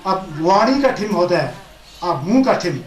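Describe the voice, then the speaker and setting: A man's voice: high voice, very animated, normal speed. A man giving a Buddhist teaching, repeating points and asking rhetorical questions, with Tibetan terms mixed into his talk. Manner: mixes Tibetan terms into Hindi. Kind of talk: Hindi dharma discourse. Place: teaching hall of a Buddhist centre. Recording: roomy echo.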